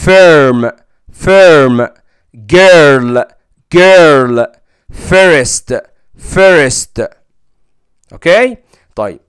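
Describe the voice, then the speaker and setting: A man with an Egyptian Arabic accent gives an English lesson in a voice pitched a little above the average man's. He explains each rule in order, repeats example words and keeps checking that the class is following. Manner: explains rules step by step, checks in with "okay?". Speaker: English teacher.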